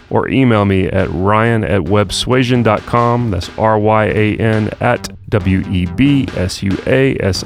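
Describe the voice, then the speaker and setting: Upbeat man hosting a business podcast. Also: lowish voice. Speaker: podcast host. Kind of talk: interview host, scripted intro then casual chat.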